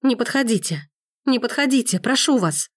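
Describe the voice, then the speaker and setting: A woman's voice: a little high, animated, moderate pace, dry recording, clean studio sound, pitched above the performer's own voice, natural voice. A woman voicing a furious, hurt young woman who pleads near tears. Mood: pleading. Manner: impassioned, rising, near tears.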